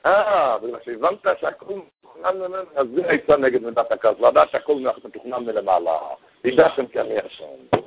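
A man giving a storytelling sermon, animated, his voice leaping high whenever he acts out the people in his story. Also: vocal fry, slightly rough. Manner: animated storytelling, voice jumping high for quoted characters. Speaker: rabbi giving a Torah talk. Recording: tinny phone-like radio broadcast.

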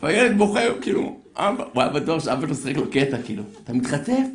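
Guy spinning a suspenseful story, high voice all over the place, echoey room. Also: a little hiss or hum. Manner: lively, acts out voices, builds suspense. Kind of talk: animated storytelling to an audience.

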